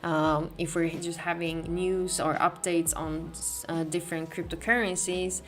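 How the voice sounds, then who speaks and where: A Swedish woman with a Swedish accent hosts a live crypto market stream, reading the chat and talking casually with lots of fillers and restarts. Her lowish voice is flat and measured, with faint music in the background.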